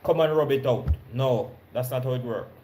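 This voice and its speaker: A man with a Jamaican accent giving a Bible study sermon. He reads verses slowly with stressed key words, then explains them conversationally and checks in with his listeners. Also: mid-range voice, dark tone, slight background noise. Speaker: Bible teacher.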